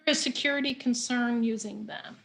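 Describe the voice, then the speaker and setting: A woman's voice: fairly high pitch, fairly even intonation, normal speed, gravelly, a bit bright. A woman hosting a casual online talk show, chatting and reading out viewer questions. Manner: chatty, reads viewer comments aloud. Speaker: host. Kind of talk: casual interview chat.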